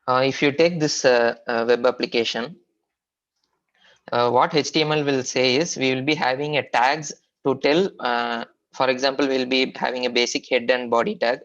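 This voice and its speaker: A software trainer with an Indian accent and a medium-pitched, steady, slightly bright voice teaches a technical class. His explanations are informal and halting, full of hesitations and repetition. The audio sounds dull and low-fidelity, like an online training recording.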